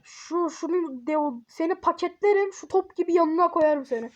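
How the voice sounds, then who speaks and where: A woman's voice: very high voice, moderate pace, no room sound, highs cut off. A woman giving casual gaming commentary, blunt and teasing, swearing freely and scolding the game's child. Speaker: game streamer.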